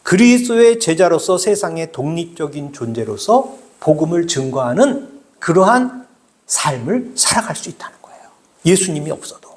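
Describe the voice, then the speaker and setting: A man's voice: a little high, sing-song, normal speed. A middle-aged male pastor preaching a sermon in a conversational way, explaining with everyday examples.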